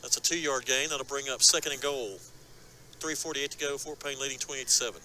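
A man giving fast, excitable play-by-play of a high school football game from a press box. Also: slight background noise, poor audio. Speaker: play-by-play announcer. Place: press box at an outdoor stadium.

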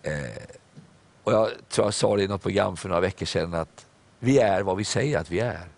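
A man's voice: low voice, gravelly, no echo. A man preaching a sermon, reading scripture aloud and acting out its dialogue, with some "eh"s and repeated words. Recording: broadcast program.

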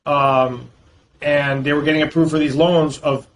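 Poor audio and slight background noise accompany this male guest, a Boston real estate lawyer being interviewed on a podcast. His slightly high voice keeps a steady tone at a measured pace as he fluently delivers long explanations sprinkled with fillers.

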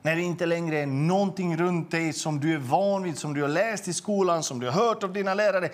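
A middle-aged man telling a personal faith testimony in an earnest, emotional way, often repeating words and restarting his sentences. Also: fairly high pitch. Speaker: guest sharing a faith testimony.

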